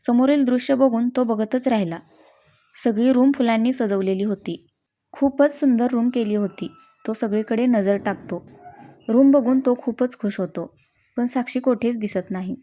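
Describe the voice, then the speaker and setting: A woman reading a family story aloud in a steady, simple manner. Her voice sits fairly high and sounds mellow and soft. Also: moderate pace. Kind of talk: scripted story narration.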